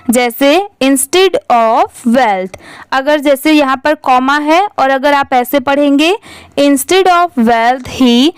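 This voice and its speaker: A woman teaching English reading, spelling words out letter by letter and then reading them slowly. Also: high voice, dry recording.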